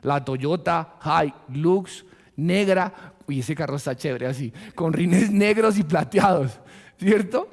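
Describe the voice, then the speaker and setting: A Colombian man preaching a sermon as pastor, animated and joking, often laughing, in a church. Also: a little high, slow. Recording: long reverb of a church hall.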